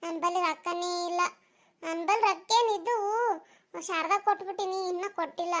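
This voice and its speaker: A woman's voice: extremely high pitch, brisk, a bit bright. A woman voicing a worried older village woman who keeps complaining, with a North Karnataka Kannada accent. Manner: complaining, repeats her grievance.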